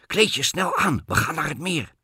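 A man's voice: big pitch swings, moderate pace, sharp tone, slightly rough, dry recording, clean studio sound, heavily acted. A man voicing a cunning, bossy talking cat in boots in a storybook reading. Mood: scheming. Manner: high, pushy, commanding.

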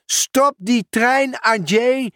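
A man's voice: sits high, big pitch swings, takes it slowly, no room sound, clean studio sound, pitched above the performer's own voice, heavily acted. Pieter Post, a man doing a raised cheerful postman. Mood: urgent calling. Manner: eager, calling out. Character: cheerful helpful male postman, brisk and caring.

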